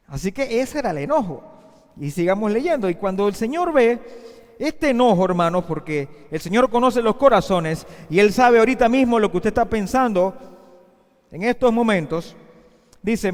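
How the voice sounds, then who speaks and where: A man preaching a sermon as pastor, with sudden loud emphatic rises and quiet, low drops. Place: church. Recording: long church hall reverb.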